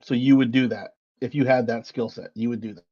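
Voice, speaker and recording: A man's voice: mid-range voice, fairly even intonation, a little fast, warm tone, lo-fi sound. A man co-hosting a podcast, chatting casually and teasing his partner as he argues his view. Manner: teasing, argumentative. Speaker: podcast co-host. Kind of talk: casual chat.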